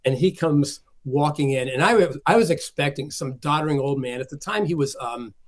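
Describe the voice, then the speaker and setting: A man's voice: a little high, normal speed. An older man, a film collector, chatting as an interview guest and telling rambling anecdotes full of acted-out quotes. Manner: rambling storyteller who acts out quoted dialogue.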